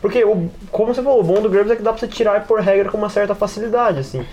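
A Brazilian-accented man hosts a casual podcast chat about tabletop RPGs, speaking informally with lots of slang and fillers. His voice sits high with a darkish tone, and he talks very fast.

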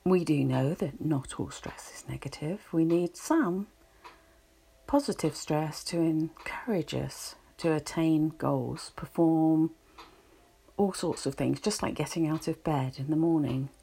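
A woman guiding a relaxation session in a slow, soothing, reflective way. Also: deep voice, gravelly, dark tone, husky. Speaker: relaxation guide. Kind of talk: guided relaxation talk.

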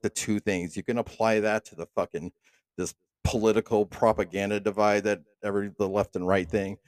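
A man's voice: lowish voice, dry recording. A man in his thirties hosting a solo podcast, delivering a profane, rambling rant full of restarts. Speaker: podcast host. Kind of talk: casual solo monologue.

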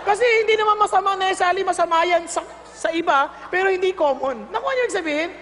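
A woman's voice: extremely high pitch, fast, a bit bright. A woman with a Filipino accent preaching a sermon, joking, laughing and acting out little scenes. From Philippines. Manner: humorous, laughing, acts out quoted dialogue. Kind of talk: sermon in Tagalog and English. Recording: long reverb, faint ambient noise.

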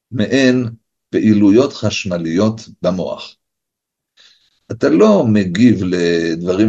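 Husky low-voiced rabbi teaching on a zoom call, keeps asking and answering his own questions, muffled sound. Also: dark tone. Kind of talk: Torah lesson, lively rhetorical questions. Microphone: video call. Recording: dull lo-fi video call audio.

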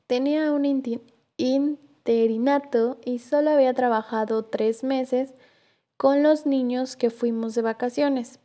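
A woman reads a teacher's anecdote aloud in a gentle, measured way. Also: high voice, fairly even intonation.

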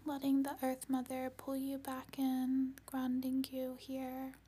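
A woman leading an ASMR-style guided healing meditation in a serene, soothing voice, breathy and often whispered. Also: high-pitched, monotone. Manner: serene, soothing, slow and gentle delivery.

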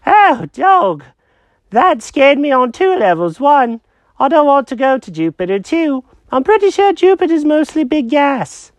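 Someone voicing a fretful excitable cat. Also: high voice, dry recording, pitched above the performer's own voice. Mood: delighted. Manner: fretful, asks rapid worried questions. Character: anxious excitable male cat. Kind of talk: storytelling with character voices.

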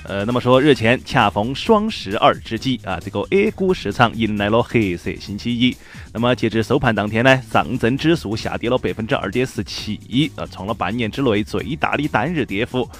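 A low-voiced man with a Sichuan accent hosts a comic news show. He delivers items in a mock-newscaster style, slipping into colloquial, joking commentary, with music playing underneath. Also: animated, normal speed.

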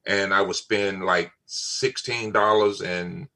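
A man's voice: low voice, fairly even intonation, takes it slowly, pushed and bright. An older man, talking in a casual family chat, emphatic and repeating his key phrases. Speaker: father on a family talk show.

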